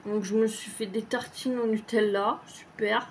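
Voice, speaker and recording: A woman's voice: mid-range voice, fairly even intonation, measured pace, a little hiss or hum. A woman vlogger chatting casually as she answers tag questions, rambling and hesitant with lots of fillers and the odd swear word. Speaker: craft vlogger.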